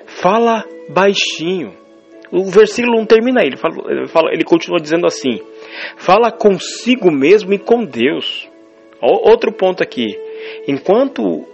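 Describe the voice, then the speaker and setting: A man's voice: a little high, vocal fry. A man preaching a sermon, emphatic and repeating phrases for stress. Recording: dull lo-fi sound with faint music behind. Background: faint music.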